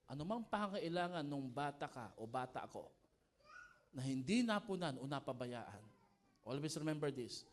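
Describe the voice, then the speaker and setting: A male pastor preaching a sermon to a live congregation, animated and jokey, often asking the people questions. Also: mid-range voice. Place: church service before a live congregation.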